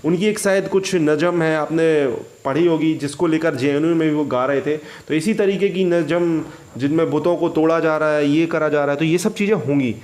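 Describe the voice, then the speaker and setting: A man hosting a reaction video, talking to viewers in an agitated, halting way and restarting often. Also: on the high side, darkish tone. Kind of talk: casual commentary to viewers.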